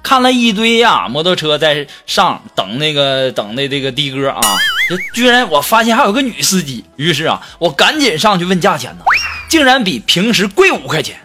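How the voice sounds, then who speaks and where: Wisecracking host. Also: male voice, on the high side, normal speed. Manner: wisecracking, animated. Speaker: radio-style comedy host. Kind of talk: reading listeners' jokes. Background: background music.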